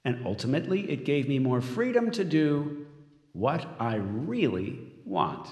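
An actor in an audio drama plays a smug, controlling tech mogul unveiling his android with a polished, self-satisfied, boastful speech full of pride. His male voice is medium in pitch, a little mellow and unhurried, with big pitch swings. The scene is staged in a large event room, recorded in an echoey hall with a crowd behind him.

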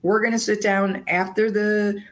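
A woman sports reporter, hoarse with laryngitis, talking casually and earnestly on a podcast in a halting way. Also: medium pitch, little pitch movement.

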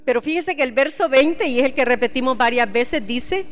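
A middle-aged woman, preaching a conversational sermon to a women's Bible study and acting out scenes with lively questions to the listeners. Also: high voice, fairly quick. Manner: animated, asks the listeners questions and acts out scenes.

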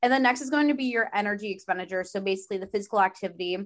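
Young woman, bit hoarse from a sore throat, chatty podcast host, says like a lot. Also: medium pitch, very fast, a bit bright. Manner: chatty, many "like" fillers. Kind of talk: casual chat.

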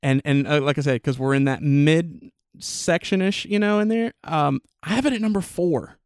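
A man co-hosting a casual chat podcast, rambling with lots of fillers and restarts, excitable. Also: a little high, normal speed, clean tone, no room sound, studio quality. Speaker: podcast co-host.

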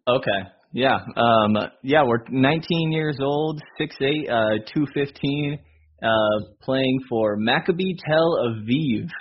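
A man hosting a basketball podcast in a relaxed, casual way. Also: mid-range voice, slow pace, husky, dull audio. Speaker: podcast host.

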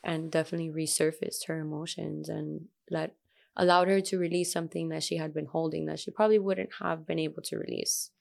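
A woman's voice: low-pitched, little pitch movement, a little fast, vocal fry, a little mellow. A young adult woman, a sound healer guest, telling a story in casual chat, full of fillers and quoted asides.

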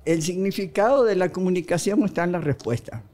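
Woman expert on a podcast, talks lively, acts out little quotes as she explains. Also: on the low side, brisk. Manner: animated, acts out quoted dialogue. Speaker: relationship expert guest.

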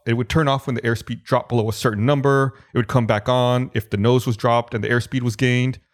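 A man co-hosting a podcast, retelling an aviation accident in a steady, methodical, explanatory way. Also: medium pitch. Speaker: podcast co-host presenting the case. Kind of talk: casual podcast chat, narrating an aviation accident.

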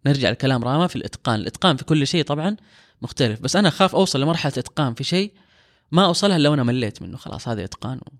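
A man with a Saudi Arabic accent speaks very quickly at a middle pitch. His delivery is casual and reflective, like a musician discussing his craft. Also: animated. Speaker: oud player.

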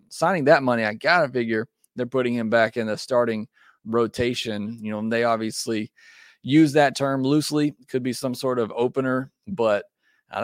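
A man's voice: mid-range voice, no echo, clean studio sound. A man hosting a baseball podcast, giving casual, opinionated takes with frequent fillers. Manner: conversational, opinionated, many fillers. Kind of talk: casual sports talk.

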